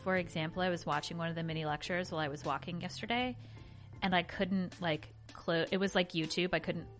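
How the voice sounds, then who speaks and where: A woman's voice: on the low side, fairly quick, soft background music. A woman co-hosting a podcast in casual, rambling and playful chat. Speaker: podcast co-host.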